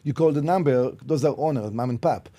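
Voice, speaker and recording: His voice is mid-range and dark, his pace slightly quick. The speaker is a commercial real estate broker in his fifties, originally from Israel, giving a blunt account of his real estate story in a casual podcast interview and regularly asking "okay?". A podcast studio mic records him.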